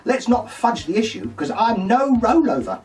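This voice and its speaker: A man playing a gossipy, saucy pantomime dame in a camp, shrill, mock-scandalised voice, delivering a comic monologue. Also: sing-song, normal speed, a little mellow, distant mic, soft background music. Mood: scandalised, indignant. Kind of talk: comic monologue full of puns.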